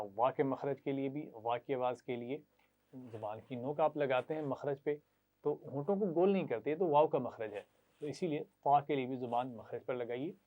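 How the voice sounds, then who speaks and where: A man, teaching children Quran reading, slowly drilling sounds and asking them to repeat after him with praise. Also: mid-range voice. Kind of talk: children's recitation lesson. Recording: tinny phone-like lo-fi audio.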